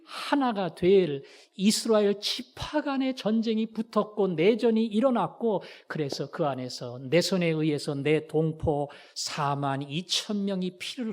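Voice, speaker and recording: Male pastor, fairly high voice, preaching with fervor and plenty of theatrical rises and drops. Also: animated, unhurried. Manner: impassioned, acts out quoted voices with sharp swings in pitch and loudness. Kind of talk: sermon.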